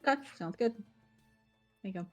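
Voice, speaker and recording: A woman serving as game master, describing scenes in a halting, casual way with many ums and likes. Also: medium pitch, animated, darkish tone, soft background music. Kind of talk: improvised scene narration.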